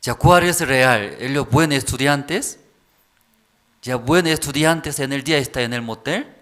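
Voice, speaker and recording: A man pastor preaching a sermon in halting, simple phrases, often checking with the congregation through rhetorical questions. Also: mid-range voice, a bit bright.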